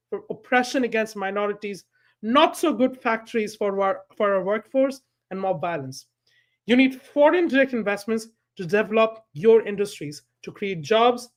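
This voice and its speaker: A man from Bangladesh, a panel guest giving prepared, persuasive commentary and putting rhetorical questions to the listener. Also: sits high.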